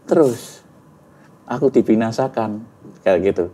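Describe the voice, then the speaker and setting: A man's voice: mid-range voice, unhurried, mellow, husky. A middle-aged man earnestly tells his personal testimony in an interview, slipping in words. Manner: earnest storytelling, sprinkled with Javanese words. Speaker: guest giving a testimony.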